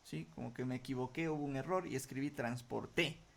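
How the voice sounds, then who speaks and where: A man teaching a software tutorial, explaining each step patiently and often checking in with short questions before answering his own. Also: medium pitch, steady tone, fairly quick, vocal fry. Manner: asks rhetorical questions then answers them. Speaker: computer skills instructor. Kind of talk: screen-recorded software tutorial.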